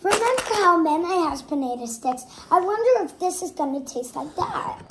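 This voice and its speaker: A woman's voice: very high-pitched, lively intonation, normal speed. A child co-host tasting snacks with her dad, nervous and hesitant about trying new foods. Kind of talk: casual snack review chat. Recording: background noise with wrapper crinkling.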